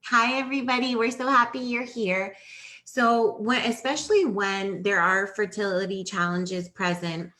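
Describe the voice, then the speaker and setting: Bright-voiced woman in her forties. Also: medium pitch, steady tone, normal speed. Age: 40s. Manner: earnest, explanatory, thinks aloud with restarts. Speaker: host of a fertility Q&A. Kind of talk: live-streamed advice talk.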